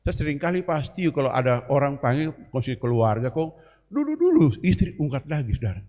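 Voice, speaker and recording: A man's voice: a little high, brisk. A man preaching a sermon, prodding his congregation to answer and repeat after him. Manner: lively, calls on congregation to repeat and respond. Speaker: pastor. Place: church hall. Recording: reverberant church hall, muffled sound.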